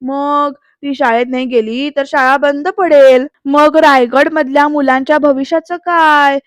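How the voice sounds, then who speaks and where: A husband from a TV serial who fusses over his mother and reasons with her, read by a woman recapping the episode. He speaks slowly and patiently. The voice stays high and dry. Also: fairly even intonation, no room sound. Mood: reasoning. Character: man, a husband defending his mother and wife.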